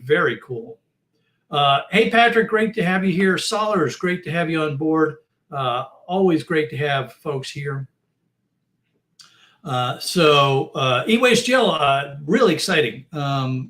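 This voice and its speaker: A man's voice: fairly high pitch, a bit bright. A middle-aged man hosting a casual livestream chat, rambling and friendly, with many fillers and restarts. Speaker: host.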